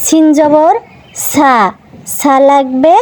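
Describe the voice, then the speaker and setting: A woman teaching Quran reading to children in a slow, patient lesson, spelling out each letter and vowel mark, then repeating the syllable. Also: high voice, fairly even intonation, warm tone, poor audio. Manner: asks the listeners questions and answers them herself.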